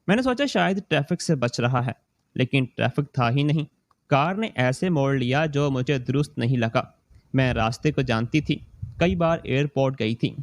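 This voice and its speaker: A man reading a scripted moral story in the first person, slow and steady. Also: medium pitch, no echo.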